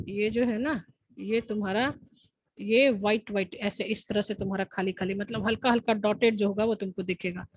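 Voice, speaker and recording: A woman teaching an online class in a high, somewhat husky voice. She explains patiently, step by step, and keeps asking whether the students are following. The sound is close and dry, with no room around it. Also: no echo, poor audio. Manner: explains step by step, asks checking questions.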